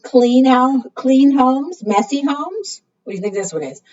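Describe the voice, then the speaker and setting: With a high, a little mellow voice, a woman reads expressively and at a measured pace to young children. She is a librarian leading preschool storytime, sing-song in delivery and regularly posing questions, recorded through a muffled, distant microphone.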